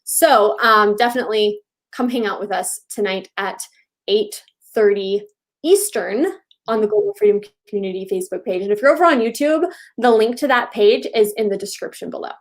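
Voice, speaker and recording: A woman's voice: medium pitch, moderate pace. A woman co-hosting a live coaching show, upbeat and encouraging, firing off rhetorical questions. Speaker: co-host. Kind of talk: live-streamed coaching chat.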